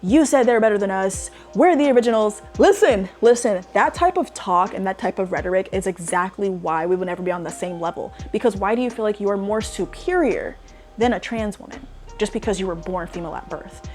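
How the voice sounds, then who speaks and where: A woman's voice: mid-range voice, animated, fairly quick, darkish tone, soft background music. A young woman giving casual online commentary, exasperated and emphatic, with lots of "like" fillers. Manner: exasperated, emphatic ranting with frequent "like". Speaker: social media commentator.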